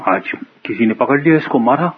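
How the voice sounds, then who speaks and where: A man's voice: mid-range voice, animated, a little hiss or hum, pitched above the performer's own voice, lightly acted. A man voicing a pompous, self-serving older priest who frets and scolds in a storybook tale. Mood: fretful. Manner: suspicious, scolding, self-justifying. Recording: muffled phone-like radio sound.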